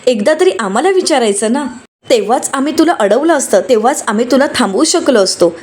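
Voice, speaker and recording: A woman's voice: high-pitched, expressive, quick pace, darkish tone. A woman reading a stern accusing young husband. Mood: reproachful. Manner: reproachful, lecturing.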